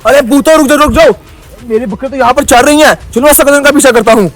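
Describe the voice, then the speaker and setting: A man's voice: very high-pitched, fast. A man playing an alarmed villager who spots ghosts carrying off children and chases after them, exclaiming in a comic skit. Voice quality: excited, exclaiming.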